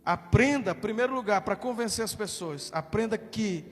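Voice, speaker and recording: A man preaching with a Brazilian Portuguese accent, his voice pitched high and naturally loud. He leans into every point and calls out to his listeners. The sound is a long, reverberant church hall with soft music underneath. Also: animated, normal speed. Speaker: pastor. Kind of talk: sermon with declared prayer.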